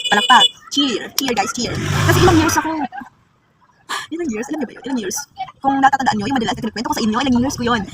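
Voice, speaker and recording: A woman's voice: fairly high pitch, distant mic, noisy background. A woman from the Philippines chatting casually and confidingly to her viewers in a vlog. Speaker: vlogger.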